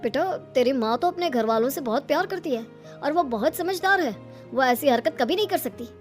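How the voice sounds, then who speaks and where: A woman's voice: high-pitched, lively intonation, a little fast, soft background music. A woman voicing a trusting middle-aged father in a cartoon, speaking reassuringly. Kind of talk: cartoon voice acting.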